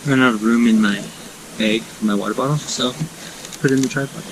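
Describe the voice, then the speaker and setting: A man's voice: mid-range voice, steady tone, brisk, slight background noise, low-quality recording. Breathless young man vlogging on a hike. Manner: easygoing, talks while walking uphill. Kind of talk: casual hiking vlog to camera. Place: outdoors on a mountain trail.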